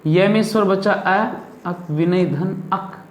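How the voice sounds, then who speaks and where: A man's voice: high voice, takes it slowly, roomy sound. A male teacher from India giving a classroom lesson, asking his pupils questions and then answering them himself. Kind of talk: classroom lesson on Hindi grammar.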